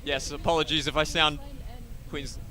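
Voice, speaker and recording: A man's voice: fairly high pitch, little pitch movement, moderate pace, bright, forceful tone, a little hiss or hum. An Australian man giving live play-by-play commentary, chatty and often correcting himself with apologetic asides. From Wollongong, Australia. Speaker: sports commentator.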